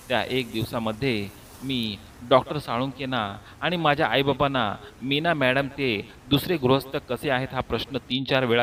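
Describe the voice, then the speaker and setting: A man narrating a first-person horror story in a steady, unhurried way. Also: medium pitch. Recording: slightly distant mic, faint background noise.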